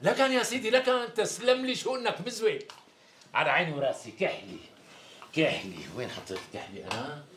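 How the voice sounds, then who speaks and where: An actor playing a smooth-talking, evasive tailor in a TV sketch comedy, speaking with a Damascene Arabic accent and chuckling salesman patter. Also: on the high side, quick pace, heavy background noise, close to an everyday voice. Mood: sweet-talking. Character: smooth-talking flattering middle-aged male tailor.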